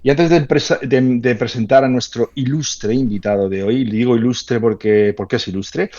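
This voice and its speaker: Male interview host, halting and full of fillers, muffled lo-fi audio. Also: medium pitch, mellow. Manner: hesitant, many fillers and restarts. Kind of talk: casual interview.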